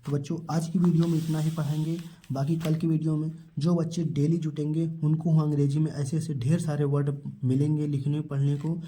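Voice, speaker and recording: A man gives a step-by-step spelling and pronunciation lesson, posing questions and answering them himself. His voice sits a little high for a man, and its tone is very dark and mellow. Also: little pitch movement, a little fast. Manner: asks questions and answers them himself, repeating each word; addresses viewers as children. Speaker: English teacher.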